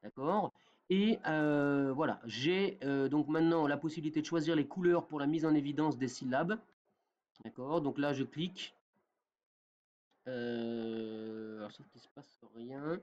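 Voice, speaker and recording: Man walking through a software tutorial. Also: a little high, unhurried, highs cut off. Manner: talks step by step with many fillers and a repeated "d'accord?". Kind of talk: screen-recorded software tutorial.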